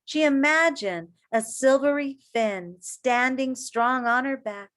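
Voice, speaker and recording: In a high-pitched voice, a female teacher gives an expressive read-aloud of a picture book for kids, breaking off to ask the young listeners questions.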